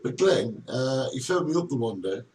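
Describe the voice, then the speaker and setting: A middle-aged man co-hosts a casual live social media chat, chatty and joking as he reads out viewer comments. His medium-pitched, slightly mellow voice swings widely in pitch at a normal pace, picked up by a distant mic with faint background noise.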